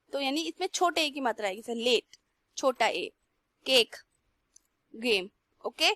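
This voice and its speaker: A young woman teacher slowly reads textbook lines aloud and then explains them in Hindi. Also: high-pitched, a bit bright, no room sound. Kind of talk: classroom lesson.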